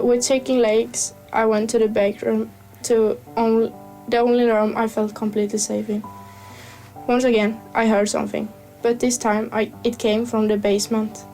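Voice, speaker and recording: A woman's voice: a little high, mellow, poor audio. A woman reading a first-person horror story aloud, carefully, with small stumbles and restarts.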